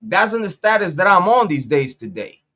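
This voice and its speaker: A Puerto Rican man in his late forties, blunt and cursing, hosts a street commentary monologue and drives home points through repetition. Very animated and sharp-toned, he talks at a moderate pace in a voice high for a man, recorded with dull, lo-fi sound.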